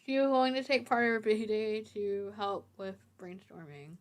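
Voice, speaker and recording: A woman's voice: medium pitch, lively intonation, moderate pace. A woman hosting a casual writing livestream, playfully teasing her co-host and laughing often. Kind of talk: casual chat.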